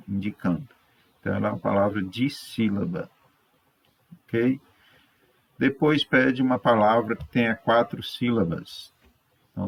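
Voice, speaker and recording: A Brazilian man teaching a third-grade class, correcting exercises patiently, sounding words out slowly and checking in with his pupils. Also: lowish voice, gravelly, breathy edge. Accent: Brazilian Portuguese. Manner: slow, stretches out words syllable by syllable.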